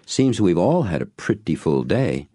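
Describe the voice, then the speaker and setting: A deep-voiced man doing a teasing older woman. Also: big pitch swings, unhurried, warm tone, dry recording, clean studio sound, full character voice. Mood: warm. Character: warm, playful older woman, teasing and commanding. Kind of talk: audiobook reading.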